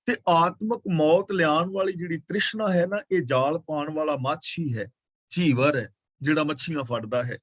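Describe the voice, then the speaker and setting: A man with a Punjabi accent giving a scriptural lesson, who chants verses slowly and then explains them word by word. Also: on the high side, fairly bright tone, dry recording. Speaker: katha preacher. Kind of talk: scriptural exposition.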